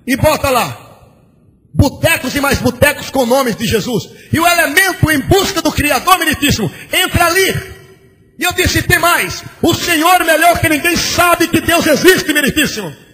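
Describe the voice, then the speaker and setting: A pastor preaching a sermon, shouting bursts and a sing-song cadence as he acts out conversations, in an old church recording. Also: very high-pitched, expressive, normal speed. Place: large church. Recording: old church recording with long hall reverb and faint hiss.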